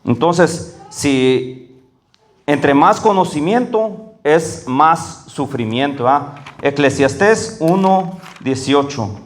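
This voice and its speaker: A man giving a conversational sermon, often checking in with the congregation and slowing down to read scripture aloud. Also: expressive, roomy sound. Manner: slows down and rises in pitch when reading scripture. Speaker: preacher. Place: church hall.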